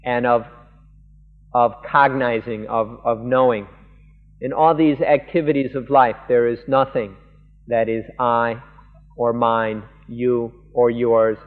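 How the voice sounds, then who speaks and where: A man, a monk, interpreting a Buddhist sermon live, speaking earnestly in halting phrases. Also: mid-range voice. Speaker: monk interpreter of a Dhamma talk. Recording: lo-fi 1980s tape in a reverberant hall.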